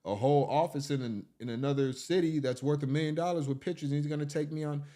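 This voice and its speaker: A man's voice: a little high, quick pace, warm tone, voice pushed up, lightly acted. Brief: man doing a star-struck, gullible victim in a raised, awed voice. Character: gullible dazzled scam victim, impressed.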